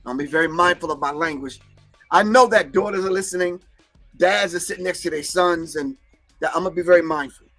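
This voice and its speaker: Hosting a casual livestream, a man with a high, bright voice speaks briskly in an emphatic, preachy manner and responds to the chat. He is not a native English speaker, and faint music plays in the background.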